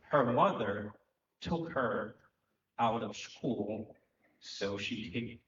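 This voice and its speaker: A man, speaking earnestly and reflectively on a conference panel, pausing often with fillers. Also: mid-range voice, a little hiss or hum. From Haiti. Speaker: panel speaker, economic development director. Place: conference hall at a live event. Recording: echoey, distant, muffled hall recording.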